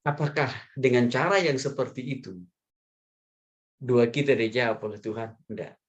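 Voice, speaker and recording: A male pastor giving a sermon in a lively, humorous way, chuckling often and addressing the men in the congregation directly. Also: medium pitch, moderate pace, muffled recording.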